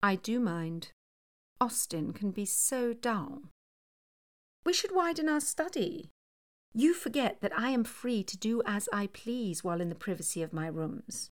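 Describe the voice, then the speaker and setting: A woman's voice: medium pitch, expressive, measured pace, lightly acted. A woman reading the part of a poised, coolly provocative upper-class young woman in an audiobook. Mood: coolly teasing.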